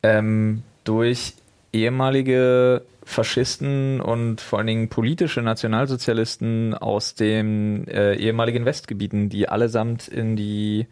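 A man's voice: on the low side, little pitch movement, unhurried, a little mellow, smooth. Earnest man explaining things. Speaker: podcast co-host. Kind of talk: casual group chat.

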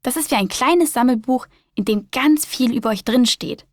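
A woman's voice: on the high side, normal speed, no room sound, studio quality, natural voice. Woman reading a friendly doctor's assistant. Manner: friendly, gentle, explaining. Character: kind female doctor's receptionist. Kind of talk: children's story reading.

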